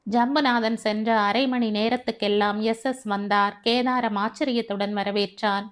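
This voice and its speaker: A woman narrating a family audio novel at a steady storytelling pace. Her voice sits somewhat high. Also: moderate pace, smooth.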